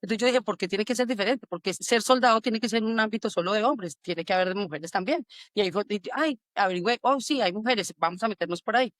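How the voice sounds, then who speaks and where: Animated Colombian woman telling stories. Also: mid-range voice, fast, no echo, clean studio sound. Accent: Colombian, Quindío. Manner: animated, acts out quotes, sings la la. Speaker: army sergeant major, guest. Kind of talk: casual storytelling interview.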